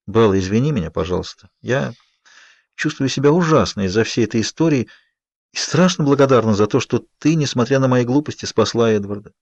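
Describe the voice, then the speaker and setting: A man's voice: medium pitch, lively intonation, fairly quick, a little mellow, no room sound. A man voicing a proud young woman who apologizes awkwardly, a bit pompous yet sincere. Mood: apologetic.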